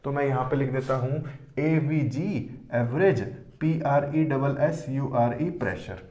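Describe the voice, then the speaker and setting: In an echoey classroom, a man teaches a lesson at the board in a slow, mid-range, slightly mellow voice. He poses questions and answers them himself, frequently saying "theek hai."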